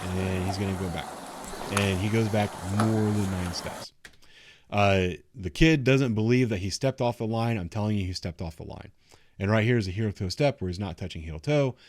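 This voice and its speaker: Low-voiced man giving explanatory commentary. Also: normal speed, darkish tone. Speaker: commentator reviewing police footage. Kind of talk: unscripted explanatory video commentary.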